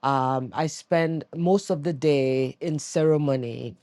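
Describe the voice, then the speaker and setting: A woman vlogger talking reflectively from her bed at home, worn out and tired in her voice, pausing often to search for words. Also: low-pitched, warm tone, no echo. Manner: slow, searching, pauses often with um. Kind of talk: reflective personal talk.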